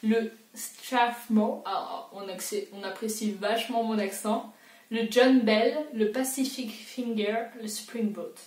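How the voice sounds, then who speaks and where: A woman's voice: on the high side, darkish tone, roomy sound, far from the mic. A young woman thinking aloud in a casual vlog, chatty and self-mocking as she answers quiz questions. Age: young adult. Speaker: booktuber.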